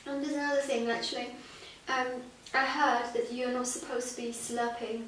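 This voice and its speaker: Bubbly lady host, kinda high voice, lots of giggles and ums, far from mic in a super echoey room. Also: little pitch movement, normal speed, fairly bright tone. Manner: giggly, many fillers. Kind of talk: casual lesson chat. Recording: roomy echo, distant mic, faint hiss.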